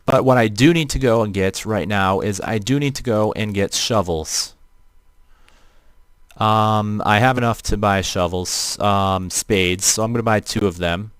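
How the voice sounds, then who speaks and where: Robotic-sounding man, low and clear. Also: no echo, clean studio sound. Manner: halting, repeats and rephrases as he goes. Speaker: livestreamer playing an online role-playing game. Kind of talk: casual gameplay livestream commentary.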